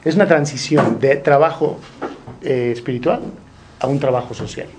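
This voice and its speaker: A man's voice: medium pitch, moderate pace, noisy background. A man teaching a Torah study group, asking questions and translating Hebrew quotes. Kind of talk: informal study-group lesson.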